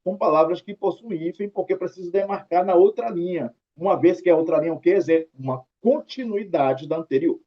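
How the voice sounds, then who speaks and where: A man's voice: sits high, brisk, few pauses, muffled recording. A Brazilian man teaching a writing lesson, talking students through examples in a chatty, mildly scolding way. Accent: Brazilian Portuguese. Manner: chatty, drawing out tag questions, mildly scolding.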